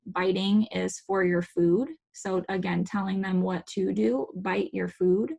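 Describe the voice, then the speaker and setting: A woman giving a calm, instructive talk to parents in a virtual workshop, modeling warm phrases to use with children, heard over a video call. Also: medium pitch, unhurried, creaky, breathy edge. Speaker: parenting educator.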